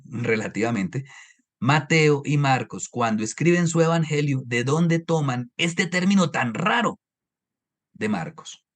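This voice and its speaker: A man from Colombia with a highland Colombian accent teaches an online course from his slides. He explains each point patiently, often pausing to ask his students rhetorical questions and check that they follow. His voice comes through a computer microphone on a video call. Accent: Colombian highland Spanish. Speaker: Bible course lecturer.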